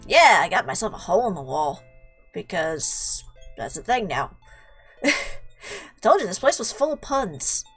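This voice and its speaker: A woman's mid-range voice, a bit bright with a breathy edge and big pitch swings, moves at a measured pace with frequent pauses. She hosts a chatty video game playthrough, playfully answering the game, while its music plays behind her.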